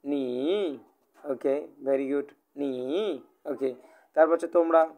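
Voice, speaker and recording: A man with a Bangladeshi Bengali accent teaches Chinese in a live online class that serves as an oral exam, his voice somewhat raised, a little high, flat and slightly mellow. Patient, he explains things twice, rephrasing as he goes and filling pauses with many "ah"s.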